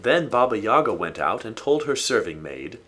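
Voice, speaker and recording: A man reads a folk tale aloud in a steady, expressive way. His voice is slightly husky, and his pitch moves a lot as he tells the story. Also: normal speed. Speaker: narrator. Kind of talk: storybook narration.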